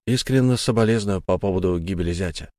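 A man's voice: deep voice, fast talker, a little mellow, no echo, clean studio sound, close to an everyday voice. A man doing a genial, chatty stallholder. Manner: friendly, chatty. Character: genial, cheerful male stallholder.

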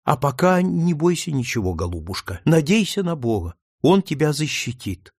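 A man voicing a gentle, soothing housewife. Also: a little high, very animated, moderate pace, slightly rough, no room sound, studio quality, full character voice. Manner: soothing, tender. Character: kind gentle woman, a senator's wife.

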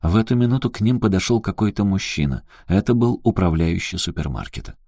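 A man reading a novel aloud as an audiobook narrator, in a measured, even way. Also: low-pitched, no room sound, clean studio sound. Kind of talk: scripted narration.

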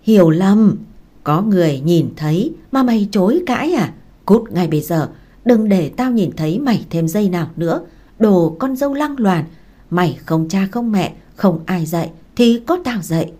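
A woman doing a raging older mother-in-law, shrill and cursing, wildly swinging pitch, husky edge. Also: big pitch swings, fairly quick, mellow. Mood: enraged. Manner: screaming abuse, cursing.

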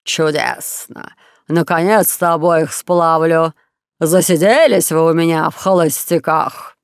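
Reader voices a jovial storybook king, coaxing and bossy, slow and loud; dry studio sound. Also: mid-range voice, creaky, clear, resonant tone, no room sound. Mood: gleeful. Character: male king, jovial and pushy matchmaker. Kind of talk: audiobook character voice.

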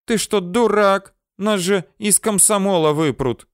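A man's voice: sits high, a little slow, clean tone, dry recording, clean studio sound, voice pushed up. A man voicing an earnest, reproachful young female student in an audiobook, scolding in a rule-bound way. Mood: indignant.

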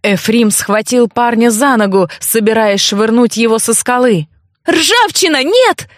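A woman narrating a first-person novel in an even, expressive storytelling voice. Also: fairly high pitch, moderate pace, no echo, clean studio sound. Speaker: audiobook narrator.

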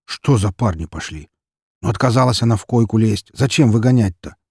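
A man's voice: lowish voice, expressive, brisk, darkish tone, slightly rough, no echo, clean studio sound. A man voicing a grumbling, mustached neighbor of about fifty who lectures in a preachy tone. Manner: lecturing, indignant.

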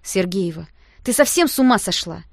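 A woman's voice: mid-range voice, lively intonation, moderate pace, fairly bright tone, no room sound, clean studio sound. A woman reading the lines of a proud, hot-tempered teenage boy in an audiobook, in a hard, demanding tone. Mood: scolding.

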